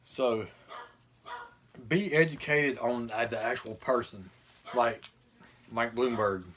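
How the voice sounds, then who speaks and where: A man's voice: medium pitch, fairly bright tone, slight background noise. A man chatting casually and giving his opinions bluntly, with some mild swearing, as a video host. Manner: blunt, mildly profane.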